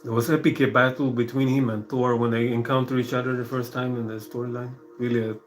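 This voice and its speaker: A man, talking alone to a live-stream audience in a soft-spoken, rambling way with many pauses and fillers. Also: medium pitch, flat delivery, faint music behind. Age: 40s. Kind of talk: casual live-stream monologue.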